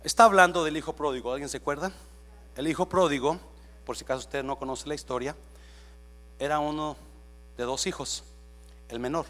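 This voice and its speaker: A man preaching a sermon, mixing Spanish with English phrases, speaking directly to the congregation with many questions and swinging between hushed asides and shouted calls. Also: a little high, brisk, long pauses. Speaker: pastor. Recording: faint mains hum.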